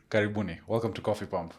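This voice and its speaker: A lively male podcast host, laughing easily as he chats with his guests. His voice sits fairly low, and his talk is loose, friendly and animated. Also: fairly quick. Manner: lively, laughs often, calls guests "bro" and "gents". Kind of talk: casual interview chat.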